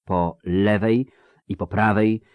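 Low-voiced guy reading an audiobook, dramatic, dry close mic. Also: slow, no room sound, phone-quality sound. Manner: dramatic, expressive. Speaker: narrator.

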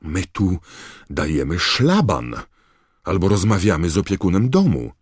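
A man's voice: sing-song, a little slow, breathy edge, no room sound, clean studio sound, heavily acted. A man voicing a stern older female witch teacher who cries out in alarm. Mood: shaken. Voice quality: shrill, shocked.

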